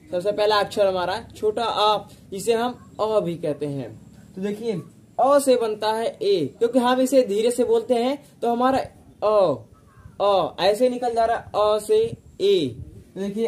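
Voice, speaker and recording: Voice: medium pitch, slight background noise. A teacher giving a patient online spelling lesson, repeating each point and stretching out sounds to demonstrate them. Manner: recites sound pairs in slow sing-song.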